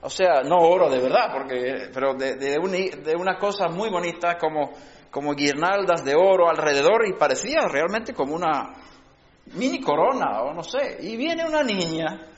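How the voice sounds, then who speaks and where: A man preaching with a high, bright-pitched voice, teaching patiently and often restarting his sentences before pressing into fervent calls. His sermon sounds roomy and reverberant, and the lo-fi recording dulls it. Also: animated, normal speed. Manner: teaching and explaining words, with frequent restarts, building to fervent exhortation.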